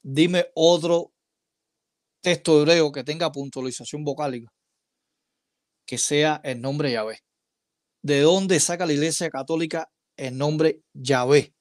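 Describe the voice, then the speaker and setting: Un hombre de voz algo aguda que debate por videollamada, en una grabación seca y sin eco. Plantea sus preguntas con calma y titubea con muletillas. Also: male voice, a little high, no echo. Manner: questioning, measured, with hesitant fillers. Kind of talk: religious debate.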